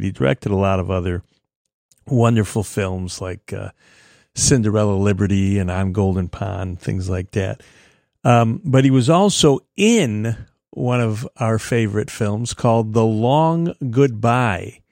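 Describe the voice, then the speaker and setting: Male radio music host, unhurried and chatty, thin reedy voice with slight rasp, close dry sound. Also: on the low side, a little mellow, dry recording. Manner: chatty, rambling, chuckles often. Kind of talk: casual radio music show hosting. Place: radio studio.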